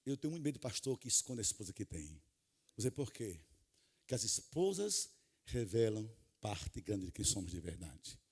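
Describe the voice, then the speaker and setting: A man preaching to a conference of pastors, animated and humorous, dropping to soft, low asides and then rising to loud, shouted calls. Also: moderate pace, slightly rough. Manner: animated, humorous, plays out little scenes. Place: large conference hall.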